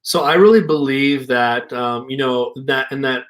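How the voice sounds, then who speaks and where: A man's voice: mid-range voice, measured pace, fairly bright tone. A young man talking casually over a remote call, reflective and loose, hedging often with "like" and "you know". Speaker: co-founder and healing practitioner. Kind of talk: casual conversation.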